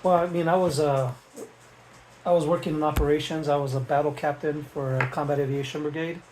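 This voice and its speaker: A man's voice: on the high side, brisk. A middle-aged father answering questions in a casual family interview and telling old stories with small chuckles. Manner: relaxed storytelling with chuckles. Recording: faint background noise with clicks.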